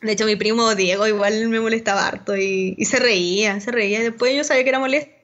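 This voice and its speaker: A woman's voice: medium pitch, fairly even intonation, quick pace, fairly bright tone, muffled recording. A young woman with a Chilean accent, chatting casually and telling stories with giggles. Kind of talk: casual chat.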